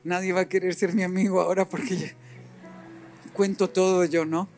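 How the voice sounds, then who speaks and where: High-voiced man preaching with animated emphasis. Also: moderate pace, soft background music. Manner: animated, acts out dialogue and rises to emphatic peaks. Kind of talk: sermon.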